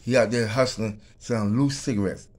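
A man's voice: on the low side, fairly even intonation, normal speed, a little mellow, a little hiss or hum. Earnest man who keeps saying "man". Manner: earnest, repetitive, tags sentences with "man". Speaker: co-host. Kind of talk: casual chat.

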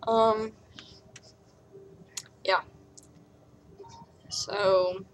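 A woman's voice: mid-range voice, level tone, drawn-out words, poor audio. A woman rambling casually in a vlog while eating and coughing, talking with her mouth full. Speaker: vlogger.

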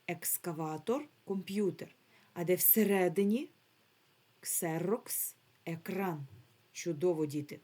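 Slow, husky-voiced woman teacher. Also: fairly low pitch, mellow. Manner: slow, carefully drawn-out words, modeling sounds for children. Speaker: primary school teacher. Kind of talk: remote phonics lesson for young children.

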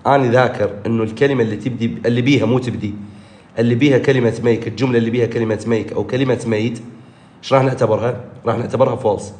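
A male teacher with an Iraqi Arabic accent runs an exam review, hammering the same points over and over. His pitch leaps up when he stresses an answer. The room around him sounds echoey. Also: racing. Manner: repetitive, drilling key points, animated pitch jumps. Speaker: English teacher.

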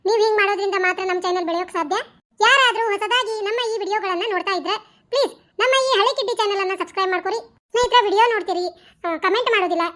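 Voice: very high-pitched, bright, forceful tone. A channel host with a North Karnataka accent, giving a folksy, pleading outro appeal to viewers. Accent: North Karnataka Kannada.

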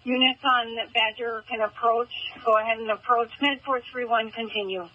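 A woman's voice: on the high side, steady tone, normal speed, breathy edge. A woman working as an emergency dispatcher, giving terse updates over the radio. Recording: muffled police dispatch radio.

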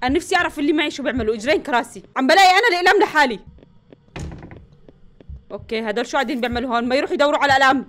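A woman with a Levantine Arabic accent hosting a let's play, talking through the game excitedly and breaking into panicky bursts of repeated words. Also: high-pitched, very fast, pauses often, slight background noise. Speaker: gaming channel host.

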